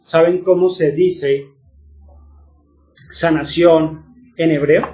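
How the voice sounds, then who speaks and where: A man with a notably high voice gives a religious teaching, pausing to quiz his audience and then supplying the answers himself. The recording is dull and lo-fi. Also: steady tone. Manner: asks the audience questions and answers them himself.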